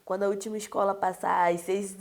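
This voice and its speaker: A woman hosting a casual chat, telling animated stories. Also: fast talker, a crowd in the background. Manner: animated storyteller, mimics people with loud high voices. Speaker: host.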